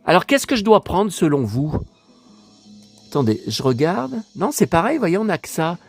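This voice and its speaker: A man casually vlogging about collector books, excitable and rambling, talking straight to his viewers. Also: high-pitched, normal speed, breathy edge, faint music behind.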